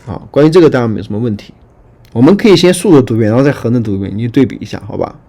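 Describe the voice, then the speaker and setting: A man teaching Greek grammar in a lecture, patient and repetitive, often checking that students follow and reading word forms aloud slowly. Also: medium pitch, lively intonation, warm tone. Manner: patient, repetitive, frequent fillers and checking questions. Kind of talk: online lecture explaining grammar.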